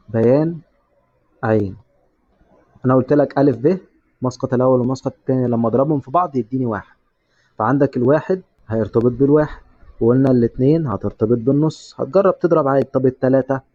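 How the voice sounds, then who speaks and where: A man with an Egyptian Arabic accent teaching a math lesson, speaking straight to the student and slowly stressing key words. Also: mid-range voice, dark tone, dry recording, muffled recording.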